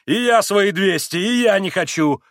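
A man's voice: high voice, sing-song, brisk, fairly bright tone, breathy edge, no echo, studio quality, pitched above the performer's own voice, heavily acted. A man reading an audiobook, voicing a hot-headed young nobleman who speaks boisterously. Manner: boisterous, breathless.

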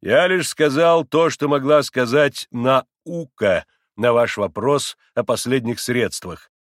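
A man reading aloud and voicing a haughty, impatient doctor who speaks slowly and pompously, hammering every syllable. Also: medium pitch, dry recording, studio quality, lightly acted. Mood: condescending. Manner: clipped, pompous, stressing each syllable. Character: haughty impatient middle-aged male doctor.

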